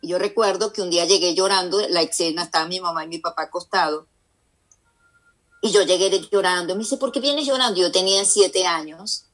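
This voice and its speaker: A woman's voice: on the low side, fairly even intonation, brisk, fairly bright tone. A woman on a faith radio show, telling a personal story earnestly and with emphasis, acting out the voices of the people she quotes. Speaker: radio guest and author.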